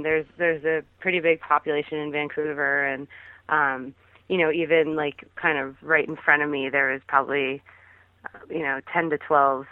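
A woman's voice: low-pitched, no room sound. A woman guest talks over a phone line that sounds thin and tinny. The sound is close and dry, with no room around it. She rambles casually, piling up fillers and restarts as she tells her story. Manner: chatty, rambling with many fillers. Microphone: phone call.

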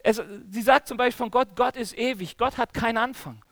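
A man preaching a sermon in a lively, casual way, often putting direct questions to his listeners. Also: very high voice, brisk, no echo.

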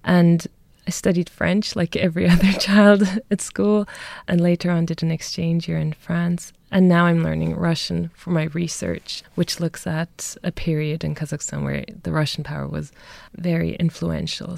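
A young German woman, a poet appearing as a guest, reads her poetry and answers interview questions, reflecting thoughtfully on her life with light laughs between words. Her voice is low, flat, creaky, and darkish, at a moderate pace, with no room sound.

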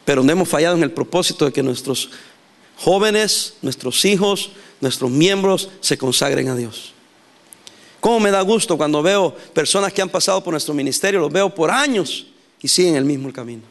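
High-pitched pastor guy preaching, animated, laughs a lot, acts out what people said. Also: normal speed. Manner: lively, animated preaching with laughs and acted-out quotes. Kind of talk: sermon.

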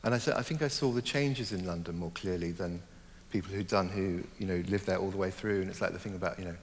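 In a large hall with slight background noise, a middle-aged man speaks low and quickly. He is a novelist, German-born and raised in Hong Kong, working through his ideas in a reflective interview. He sounds thoughtful but hesitant, often using fillers and starting over.

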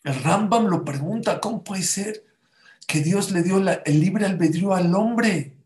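A man's voice: sits high, measured pace, a little mellow. Male religious speaker, emphatic motivational sermon, slightly raised voice, roomy echo. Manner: emphatic, keeps asking the audience rhetorical questions. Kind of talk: motivational sermon to a live audience. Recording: echoey room.

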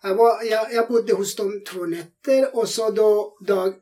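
A man's voice: sits high, dark tone. A man telling a personal faith testimony in an interview, speaking in non-native Swedish and acting out the dialogue in his story with feeling.

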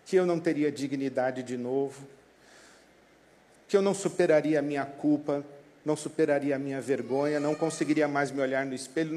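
A male pastor preaching a passionate sermon and leading the congregation in prayer. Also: a little high. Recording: echoey hall with loud guitar music behind. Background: guitar music.

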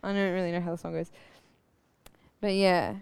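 A woman's voice: on the low side, little pitch movement, normal speed, creaky, a little mellow, clear, resonant tone, no room sound. A woman co-hosting a podcast in casual chat, jokey and giggly, often talking over her co-host.

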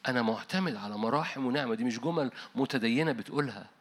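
A man with an Egyptian Arabic accent preaching a sermon, emphatic and full of rhetorical questions, dropping his voice low at the close. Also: quick pace.

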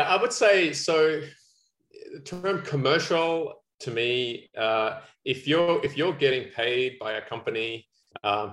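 A man's voice: mid-range voice, fairly bright tone, reverberant. A man with an Australian accent, a guest on a podcast talking in a friendly, chatty way with lots of "uh" fillers. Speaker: guest, commercial photographer. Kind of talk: casual podcast conversation.

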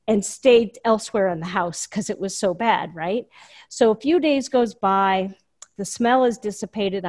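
A woman telling a personal story in casual chat, animated and full of fillers. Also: mid-range voice. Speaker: guest storyteller.

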